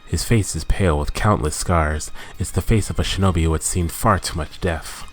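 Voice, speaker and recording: A gaming channel host with a very deep, low voice reads a story game's text at a steady, measured pace. He occasionally trips over words and fixes them, with soft game music underneath.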